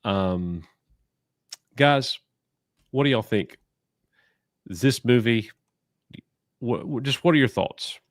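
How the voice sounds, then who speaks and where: Man hosting a live news chat, animated pitch, dry close sound. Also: slow, long pauses, no room sound. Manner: moves the talk along, asks questions. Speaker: host.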